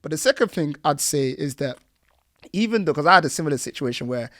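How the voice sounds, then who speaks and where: Low-voiced London woman hosting a podcast. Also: expressive, fast talker, no echo, studio quality. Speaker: podcast host. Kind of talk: casual interview chat. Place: podcast recording.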